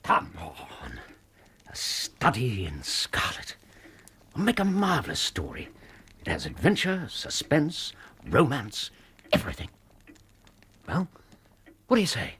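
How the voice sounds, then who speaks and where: A loyal English doctor of Victorian times in a radio drama. He is earnest and excitable, with a husky voice that swings widely in pitch. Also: heavily acted. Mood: eager. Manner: earnest, warm, hesitant, quick to indignation.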